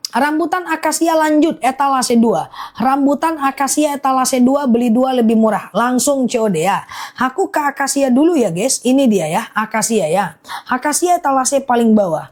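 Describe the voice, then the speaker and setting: A woman's voice: fairly high pitch, a little mellow. A young woman selling on a live stream, chatting casually, answering viewer comments and repeating herself over and over.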